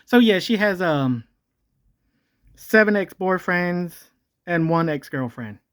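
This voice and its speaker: Speaking slowly with lively intonation and a clear, resonant tone, a video host runs their voice through a changer that shifts and morphs it. The comedic commentary is jokey and rambling, with frequent self-corrections and a pitch that jumps around.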